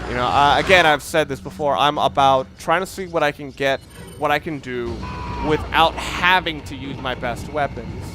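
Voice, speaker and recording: Speaking at a moderate pace in a slightly high voice, a man records let's play commentary for his gaming videos. He rambles casually and runs himself down, with loud game music and sounds in the background.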